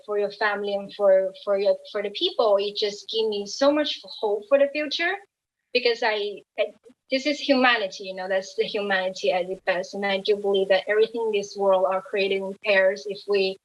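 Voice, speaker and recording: Earnest woman with a muffled sound. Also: medium pitch. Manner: earnest, halting, many restarts. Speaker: guest fashion designer. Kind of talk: emotional interview answer.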